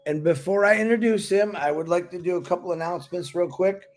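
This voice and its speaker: A man's voice: sits high, steady tone, fast talker, soft background music. A man co-hosting a live stream, making upbeat announcements and introducing a guest, stumbling and restarting now and then. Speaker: co-host.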